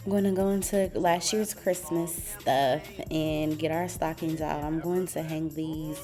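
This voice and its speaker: A woman with a fairly low voice vlogs from her apartment living room, talking casually and sassily to her viewers as she works. Soft music plays behind her. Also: steady tone, measured pace. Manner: chatty, sassy, slangy asides to viewers. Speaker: vlogger. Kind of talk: casual home vlog, tutorial.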